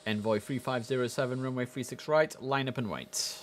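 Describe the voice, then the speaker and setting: A man with a medium-pitched voice talks fairly quickly while giving casual commentary on a game stream. He occasionally lapses into clipped air traffic radio speech, with constant noise in the background.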